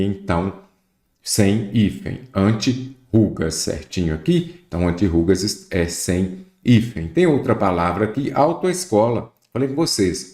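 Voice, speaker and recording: A man's voice: fairly low pitch, a little mellow. A man teaching an exam-prep lesson, explaining rules step by step and speaking directly to the student. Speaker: Portuguese teacher. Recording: roomy echo.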